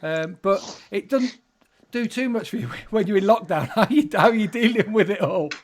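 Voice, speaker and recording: A man with a Yorkshire accent co-hosting a podcast, chatting in jokey, quick banter. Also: high voice. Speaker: podcast co-host. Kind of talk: casual chat.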